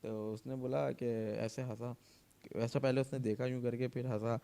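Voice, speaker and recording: A man's voice: mid-range voice, normal speed, vocal fry. A man, casually telling a workplace story on a podcast and acting out the lines of the people in it. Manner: animated, acts out quoted dialogue.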